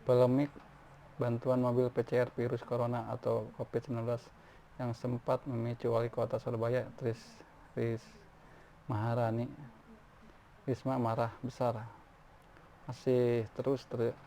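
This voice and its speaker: A man's voice: mid-range voice, completely flat delivery, unhurried, pauses often, dark tone. A man reading news articles aloud, often stumbling and restarting words. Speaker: news reader. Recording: faint background noise.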